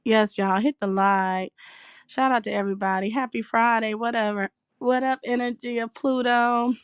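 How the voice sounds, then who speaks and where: A woman's voice: fairly high pitch, steady tone, normal speed, smooth, no room sound. A woman hosting a casual livestream, heated and swearing as she greets her viewers by name. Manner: heated and profane, reading out shout-outs to viewers. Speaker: livestream host.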